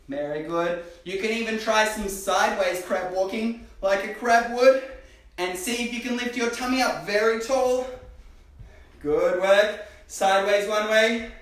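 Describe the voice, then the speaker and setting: High bright-voiced guy coaching kids, slow and cheery, booming echo, far from the mic. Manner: upbeat, encouraging, cheering children on. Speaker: gymnastics coach. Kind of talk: kids' movement class, live stream. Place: gym hall. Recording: roomy echo, distant from mic.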